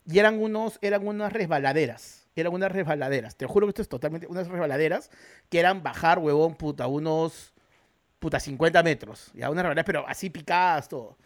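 Animated storytelling comedian. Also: male voice, on the high side, fast talker. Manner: animated, acts out quotes, laughs often. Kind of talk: casual storytelling.

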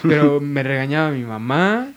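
A man's voice: a little high, animated, normal speed, clean tone. A young man with a Mexican accent, a podcast co-host telling a family anecdote in casual chat, laughing as he goes.

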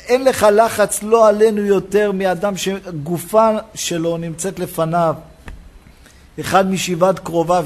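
Animated high-voiced man giving a sermon. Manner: animated storytelling, acts out dialogue. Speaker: rabbi. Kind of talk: sermon with personal story. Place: synagogue.

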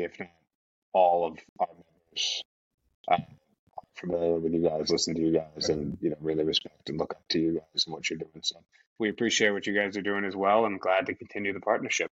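A man's voice: sits low, fairly bright tone, dry recording. A man who is a guest co-host on a podcast, friendly and chatty, often repeating himself, heard through dull lo-fi remote audio. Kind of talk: casual podcast chat.

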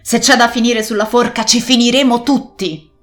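A woman's voice: on the high side, fairly even intonation, normal speed, faint music behind, voice pushed up, lightly acted. Woman doing a bellowing old pirate captain. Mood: furious. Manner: shouting hoarse commands. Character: old male pirate captain, violent and frightened.

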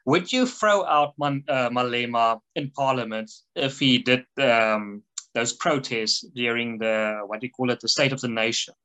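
A man interviewing in a conversational way, putting his questions haltingly. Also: medium pitch, sharp tone, poor audio.

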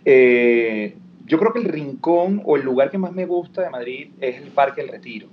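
A man's voice: medium pitch, lively intonation, moderate pace. Man reflecting in conversation. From Venezuela. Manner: warm, reflective, frequent "eh" and "este" fillers. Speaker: guest. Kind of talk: casual conversation. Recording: dull lo-fi sound with faint background noise.

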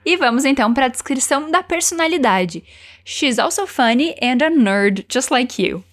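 Lively, encouraging woman teacher. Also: high voice. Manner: encouraging, slows down to model pronunciation. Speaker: English teacher. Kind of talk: language lesson with repeat-after-me drills.

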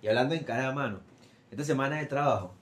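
A young Venezuelan man in quick, slangy, teasing casual chat. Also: medium pitch. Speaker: podcast co-host. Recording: echoey room.

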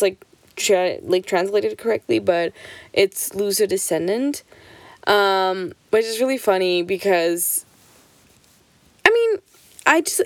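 A woman's voice: on the low side, clean tone, dry recording. A young woman from Switzerland hosting her own podcast, chatting casually, rambling, swearing freely and often restarting her sentences. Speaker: podcast host. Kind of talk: casual solo podcast chat.

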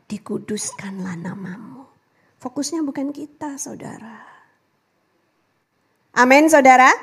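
Woman preacher, high and lively, whispers prayer lines, rallies the crowd. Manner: animated, calls out to the congregation, drops to whispers for prayer lines. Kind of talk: lively church sermon.

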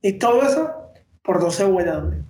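A man's voice: high voice, expressive, darkish tone. A young man, chatting casually in heavy slang, joking and drawing out his stories. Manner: slangy, joking, drawn-out storytelling. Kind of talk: casual chat. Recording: echoey room with faint noise.

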